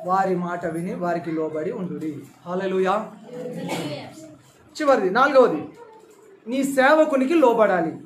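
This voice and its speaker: High-voiced man preaching in a roomy church. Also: measured pace, long pauses, a little hiss or hum. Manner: repeats key phrases for emphasis; addresses the congregation directly with questions. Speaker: pastor. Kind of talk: sermon with scripture reading. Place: church hall.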